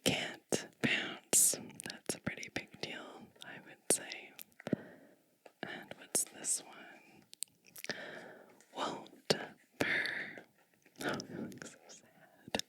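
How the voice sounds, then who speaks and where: In an ASMR storybook reading, a woman keeps her voice to a soft, breathy whisper right up against the mic. She goes slowly and quietly, breaking off now and then for chatty asides.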